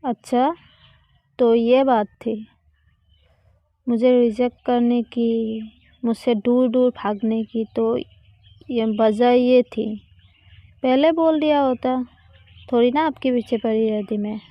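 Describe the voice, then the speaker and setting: A woman voicing an upset young college woman who accuses her friend, in a reproachful, drawn-out way. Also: on the high side, fairly even intonation, no echo, highs cut off. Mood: hurt, accusing.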